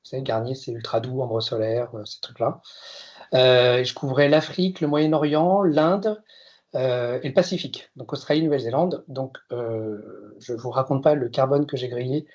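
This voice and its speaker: A man's voice: mid-range voice, normal speed, darkish tone, muffled recording. Hesitant fifty-something man giving a talk. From France. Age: 50s. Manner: hesitant, frequent filler sounds, self-deprecating humor. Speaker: consultant giving a masterclass talk. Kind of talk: presentation to an audience.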